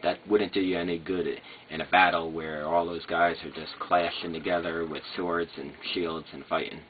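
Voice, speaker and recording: A man's voice: sits low, flat delivery, normal speed. A man with slurred speech rambling casually to a vlog, hesitant and meandering, often trailing off. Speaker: vlogger. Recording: noisy, muffled phone-like sound.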